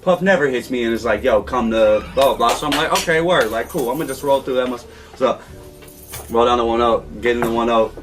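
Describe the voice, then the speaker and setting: A man in casual conversation telling a long, animated story as a guest, often breaking into laughter. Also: medium pitch, fast talker, background noise.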